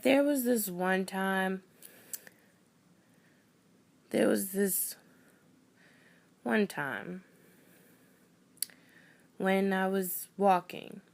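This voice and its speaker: Young woman, mid-pitched, wry storyteller, dynamic: loud punchlines, whispered asides. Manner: wry, expressive, swings from loud bursts to near whispers. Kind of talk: performed personal storytelling.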